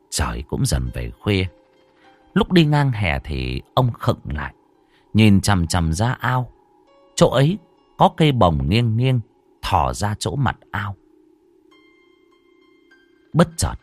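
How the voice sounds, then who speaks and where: Male storyteller; low, very animated, dry, faint music bed. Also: breathy edge, dry recording. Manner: animated, voices all characters. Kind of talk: horror story narration.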